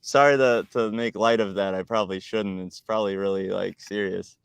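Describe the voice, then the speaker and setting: A man's voice: lowish voice, fairly even intonation, brisk, gravelly, smooth, no echo. A man co-hosting a live stream, chatting casually, talkative and argumentative, often laughing and restarting his words.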